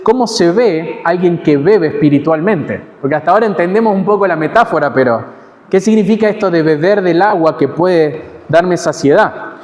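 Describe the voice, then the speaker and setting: Higher-voiced Argentine preacher in reverberant hall. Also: male voice, darkish tone. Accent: Argentine Spanish. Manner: measured, teaching, with pauses and self-corrections. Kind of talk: expository sermon. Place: church hall. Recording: long church hall reverb.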